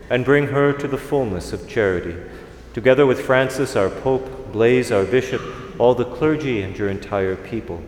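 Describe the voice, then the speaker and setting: A man's voice: mid-range voice, a little mellow. A male priest recites liturgical prayer solemnly and formally. His voice rings through a large church with cathedral echo and long reverb. There is faint noise behind him. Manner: measured, formal phrasing.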